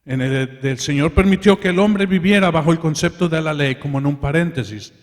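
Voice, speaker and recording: A man delivers a sermon from the pulpit, speaking in a fairly high voice. He addresses the congregation as brothers and leads them in prayer. His voice carries a long reverb from a large church hall. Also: fairly quick. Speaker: preacher.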